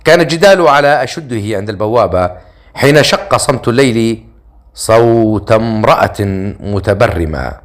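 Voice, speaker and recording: Man narrating an audiobook, mid pitch. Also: animated. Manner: measured, dramatic reading.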